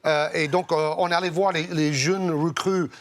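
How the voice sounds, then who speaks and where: A middle-aged man, a basketball commentator, recalling the past slowly with many fillers. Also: fairly high pitch, steady tone, no room sound. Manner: measured, hesitant with many fillers. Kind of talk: talk show guest recollection.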